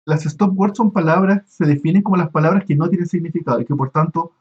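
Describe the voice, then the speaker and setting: In a muffled recording, a man with a slightly high, somewhat rough voice teaches an online university class. He breaks things down step by step, though haltingly, with many fillers and restarts, and asks his students questions along the way.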